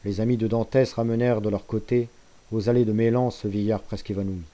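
A man narrating a classic novel as an audiobook reader in a measured, steady way. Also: on the low side.

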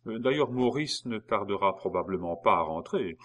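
A man's voice: fairly low pitch, animated, moderate pace, a bit bright. A man reading an audiobook and voicing a cold, mocking husband who taunts his wife with false politeness. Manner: sneering, mock-polite, taunting.

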